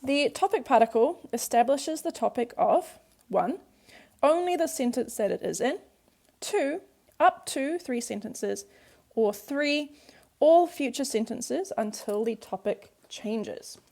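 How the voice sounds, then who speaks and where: With a high, expressive voice that's slow, a little mellow and touched with vocal fry, this woman leads a workbook lesson. English is her first language, and she patiently takes each example step by step, going back over the key points.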